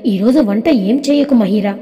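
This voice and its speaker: A woman's voice: fairly high pitch, moderate pace, dark tone, highs cut off, lightly acted. A woman reading the lines of a caring mother-in-law who fondly scolds her daughter-in-law and son in a storybook tale. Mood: coaxing. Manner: fond, coaxing scolding. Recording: long reverb.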